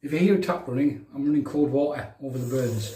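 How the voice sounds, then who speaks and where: A middle-aged man from County Durham, England, hosts a shaving livestream, bantering matily with viewers while he demonstrates a shave. His voice is soft and mellow, medium in pitch, and he talks fast. The mic sits at a distance in a roomy, echoey bathroom, with slight background noise.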